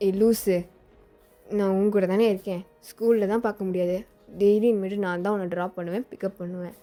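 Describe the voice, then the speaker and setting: A woman's voice: medium pitch, fairly even intonation, a little fast, mellow, soft background music, pitched below the performer's own voice, lightly acted. A woman voicing a bold, protective teenage boy in a fan fiction voice-over, in a firm and teasing manner.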